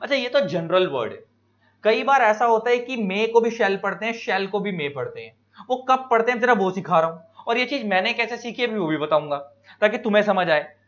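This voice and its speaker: An Indian man lecturing students, explaining each point slowly with examples and stretching key words. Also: high-pitched, lively intonation, fairly bright tone. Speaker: teacher. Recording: dull lo-fi recording.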